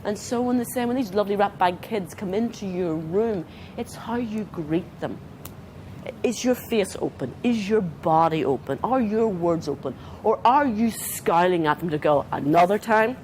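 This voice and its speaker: An Australian woman giving a conference talk as a trauma therapist, animated and acting out dialogue with clients. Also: mid-range voice, moderate pace, slight background noise. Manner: animated, acts out client dialogue, talks with her hands. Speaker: trauma therapist presenting to counsellors. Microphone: not handheld, clip-on.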